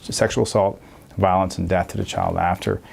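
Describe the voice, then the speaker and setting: A deep, gravelly male police investigator speaks in a halting interview answer, pausing and restarting as he explains. His voice sits very low. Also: fairly even intonation.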